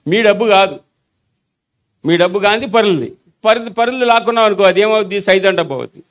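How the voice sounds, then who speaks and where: A man's voice: high voice, fast talker, fairly bright tone. A man preaching a sermon in a Telugu accent, urging the congregation to repeat after him. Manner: exhorting the congregation to repeat aloud. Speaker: pastor.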